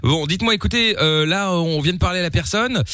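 Mock-polite radio prank host. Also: male voice, high-pitched, brisk, pushed and bright, no echo. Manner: mock-polite, hesitant, many fillers.

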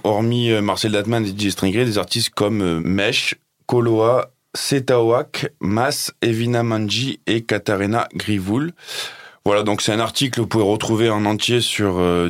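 A man's voice: fairly low pitch, moderate pace, dry recording, clean studio sound. A man presenting music news on a casual radio show, chatty, with many fillers and restarts.

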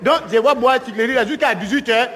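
A man's voice: very high voice, quick pace, in a large hall, background noise. A comedian voicing a boastful, broke man chatting up a girl in a bar, in broken French with a put-on Burkinabe accent. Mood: laughing boast. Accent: Burkinabe imitation. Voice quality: broken French, animated storytelling. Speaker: stand-up comedian. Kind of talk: comic monologue sketch.

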